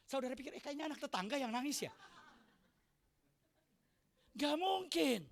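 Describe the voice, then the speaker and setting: High, bright-voiced male pastor preaching. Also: vocal fry. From Indonesia. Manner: preaching to a congregation, often shouting for emphasis; asks the congregation questions and jokes with them. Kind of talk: sermon. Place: church hall.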